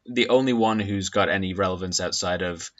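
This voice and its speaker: Deep-ish male co-host for a casual movie review, jokey and chatty, throws in little impressions. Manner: jokey, acts out scenes in quick impressions. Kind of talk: casual film review chat.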